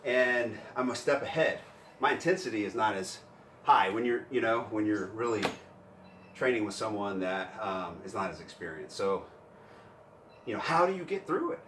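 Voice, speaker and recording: A man explaining jiu-jitsu technique in casual instructional chat, animated and quick to act out a struggling grappler. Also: slight background noise. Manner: animated, acts out panicked grappler in higher voice. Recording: roomy, distant mic with faint gym ambience.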